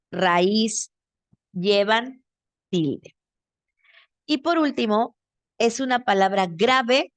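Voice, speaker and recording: A woman's voice: medium pitch, no room sound. A woman teacher with a Mexican accent giving a grammar lesson over a video call, explaining patiently step by step and checking in with her student.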